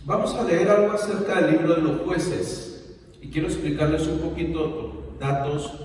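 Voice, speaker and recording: A man preaching a lively sermon as pastor, mixing teaching with playful impressions. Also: fairly high pitch, moderate pace, slight background noise. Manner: emphatic preaching with playful impressions and stutter mimicry. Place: church hall. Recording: echoey hall, voice from far off.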